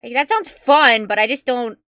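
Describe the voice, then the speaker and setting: Fairly high-pitched and pushed, her bright voice moves at a normal speed, captured clean in a studio with no echo. A woman streamer in casual livestream chat with her viewers, she sounds tiny and cute, giggles often between remarks, and rambles with fillers and self-corrections.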